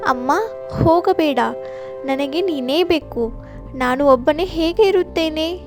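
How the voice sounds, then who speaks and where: A woman's voice: high-pitched, unhurried, a little mellow, faint music behind. A woman voicing a young male calf in a children's storybook, reading his lines plainly with little change from her narration. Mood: pleading.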